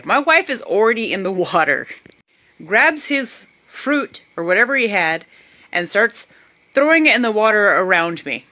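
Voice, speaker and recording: A young woman animatedly telling a comic travel story to her camera. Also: mid-range voice. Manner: animated, puts on voices for others. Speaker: vlogger. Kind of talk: casual storytelling.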